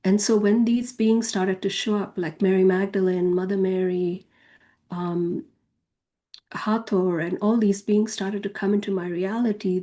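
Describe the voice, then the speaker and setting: Mellow-voiced woman telling a spiritual story. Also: mid-range voice. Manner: chatty, loose, full of fillers like "you know" and "if you will"; acts out quoted speech with a raised voice. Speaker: spiritual author and channel guest. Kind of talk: casual personal storytelling.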